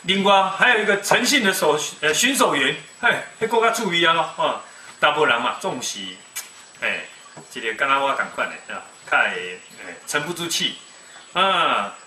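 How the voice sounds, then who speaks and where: Animated Taiwanese man in his fifties. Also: a little high, normal speed. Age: 50s. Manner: animated, folksy, mixes Mandarin and Taiwanese Hokkien. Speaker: web TV commentator. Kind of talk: casual commentary on news. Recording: echoey room, distant mic, faint noise.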